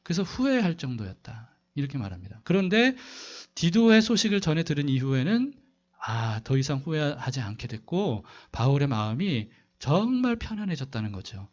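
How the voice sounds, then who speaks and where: A man's voice: on the high side, big pitch swings, moderate pace, lo-fi sound. A male pastor preaching a sermon, asking the congregation questions and telling a story to illustrate his point. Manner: asks the congregation rhetorical questions.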